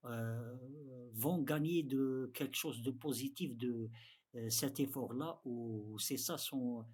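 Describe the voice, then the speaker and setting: A man with an Arabic accent, a native Arabic speaker, giving a beginners' religious lesson in halting, non-fluent French. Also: medium pitch, a little mellow, breathy edge. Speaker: interpreter for an Islamic teacher.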